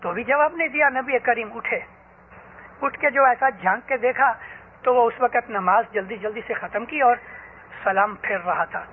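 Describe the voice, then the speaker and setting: A man preaching a sermon, telling stories and rising emphatically on his key points. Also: very high-pitched. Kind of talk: religious sermon. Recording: tinny phone-like lo-fi recording with faint hiss.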